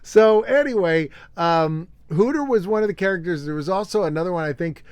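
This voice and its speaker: A man's voice: sits high, quick pace, smooth, dry recording. Rambling, upbeat man in a dry room. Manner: rambling, nostalgic, chuckling, with many fillers. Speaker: host. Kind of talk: unscripted casual show-and-tell monologue.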